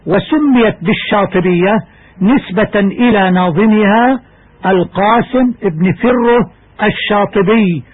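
A man teaching Quranic recitation in a scripted radio lesson, explaining rules in a measured way and chanting examples slowly. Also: sits high, slightly rough. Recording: tinny narrow-band radio recording.

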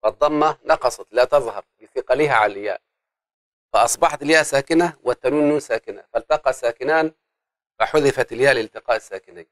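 An Egyptian-accented man leads a lesson on Arabic grammar and poetic meter. He chants the meter's syllables slowly and draws answers out of his students with quick prompts. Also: mid-range voice. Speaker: Arabic grammar and prosody teacher.

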